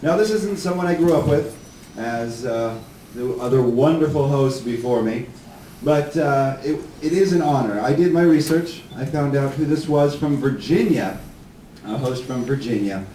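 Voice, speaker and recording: Male horror host, medium-pitched, theatrical and emphatic on stage, recorded at a distance in a reverberant room. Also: moderate pace, mellow. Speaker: horror host giving an induction. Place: large room at a live event. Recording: echoey hall, distant mic, faint noise.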